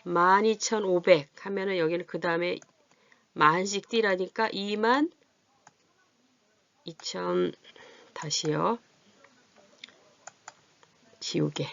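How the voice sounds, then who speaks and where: A lowish, gravelly, slightly bright female voice belongs to an adult literacy teacher explaining how to read and write large numbers during a math class. She stays patient, checks comprehension by asking if her learners follow, and drags out her counting as she writes, all in a dull, dry, lo-fi recording.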